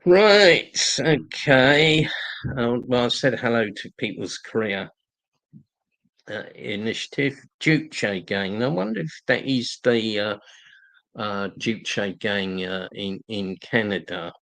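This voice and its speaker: A man's voice: medium pitch, slow, a bit bright. A man with a London accent hosting a livestream, talking with many hesitations and restarts as he answers viewer questions. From England. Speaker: livestream host.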